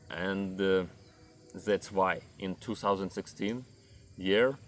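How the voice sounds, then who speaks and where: A fitness coach, a man with a Ukrainian accent and a low voice, speaks slowly to camera in a measured, explanatory way. English is not his first language, and his grammar shows it as he lists items one by one. A slight hiss or hum sits under the recording.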